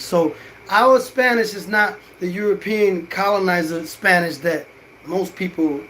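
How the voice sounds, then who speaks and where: A man's voice: high voice, bright, forceful tone, a little hiss or hum, low-quality recording. A man of Puerto Rican heritage, a boxing content creator, talking casually on a livestream, emphatic and repetitive as he promotes himself. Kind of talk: casual livestream commentary, greeting viewers in chat.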